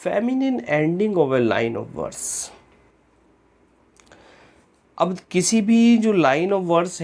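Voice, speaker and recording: An Indian man giving an online literature lesson at an unhurried pace, his voice sitting at an ordinary middle pitch. He reads English terms and questions out deliberately, explains them in Hindi, and keeps calling his listeners "friends". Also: vocal fry, a little mellow. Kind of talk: online exam-prep lecture.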